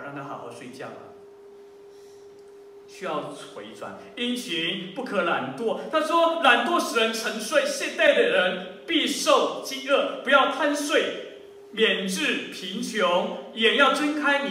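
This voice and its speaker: A man with a very high, bright voice preaches an animated sermon, swinging his pitch widely and pressing his points with rhetorical questions. He sounds a little off the mic in a strongly echoing hall, with a faint hum underneath. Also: recorded from a distance. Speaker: pastor. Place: church hall.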